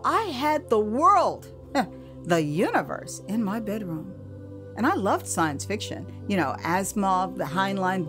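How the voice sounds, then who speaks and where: A woman from the United States performs her first-person memoir in the style of an audio drama, pitched at a medium level. The delivery is expressive, with elongated words for emphasis and chatty little digressions.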